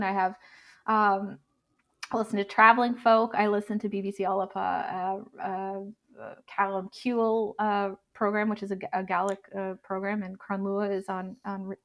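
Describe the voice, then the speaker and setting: A Canadian woman in her thirties, a bagpiper chatting as an interview guest, halting with many restarts. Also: mid-range voice. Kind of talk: casual interview chat.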